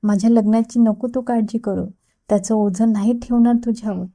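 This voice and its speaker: A woman's voice: on the high side, steady tone, normal speed, dark tone, natural voice. A woman voicing a playful, insistent young woman who teases her brother, read in an audiobook. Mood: teasing. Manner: teasing and insistent. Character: young woman, teasing playful sister figure.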